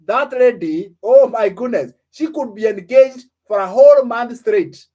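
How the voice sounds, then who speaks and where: A man's voice: very high-pitched, animated, a little slow, mellow. A man in his late twenties giving a motivational business lesson, asking his listeners questions and repeating phrases for emphasis. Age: 20s. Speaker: online business coach. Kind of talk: motivational teaching.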